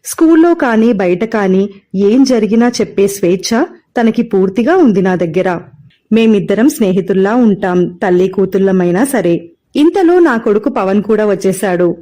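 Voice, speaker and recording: A woman reads a first-person story aloud with a gentle, expressive delivery. Her voice is mellow and warm, set at a middle pitch for a woman. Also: normal speed. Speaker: audiobook narrator.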